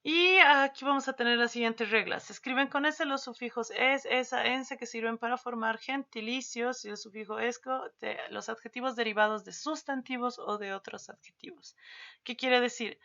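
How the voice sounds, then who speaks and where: A woman teaching a spelling lesson to her students, stretching words out slowly to show how they are written. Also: a little high, fairly even intonation, vocal fry, pushed and bright. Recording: dull lo-fi sound.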